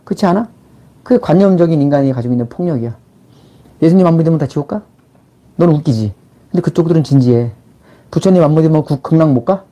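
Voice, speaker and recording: Fast-talking man lecturing bluntly. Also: on the high side, lively intonation, mellow. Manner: speaks in blunt informal speech, firing rhetorical questions; acts out little quoted exchanges mid-talk. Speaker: channel host, life and money mentor. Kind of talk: casual lecturing talk.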